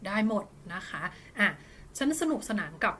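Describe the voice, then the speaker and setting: A Thai woman teaching an online English lesson, speaking English slowly and carefully between quick, chatty explanations. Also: medium pitch, lively intonation, sharp tone, slight background noise.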